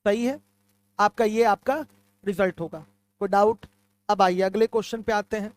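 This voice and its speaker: Patient male math teacher, smooth dry voice. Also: sits high, steady tone, moderate pace, no room sound. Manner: patient, repeats key terms, calls students "my children". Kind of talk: online class lecture.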